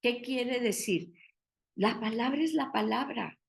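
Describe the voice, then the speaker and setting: A woman's voice: on the high side, a little slow, creaky. A woman teaching a Bible study, explaining patiently and asking the group questions.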